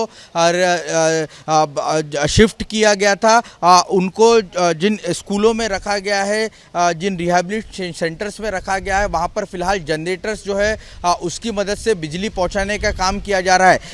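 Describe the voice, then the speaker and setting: A male field reporter gives a live news update. His voice is high for a man. He speaks haltingly, breaking phrases up with hesitations. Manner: halting delivery with repeated pauses and filler phrases.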